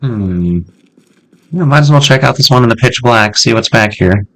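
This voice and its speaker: A man hosting a casual let's-play, chatting to himself in an excitable way and swearing freely as he loots. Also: medium pitch, moderate pace. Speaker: gameplay video host.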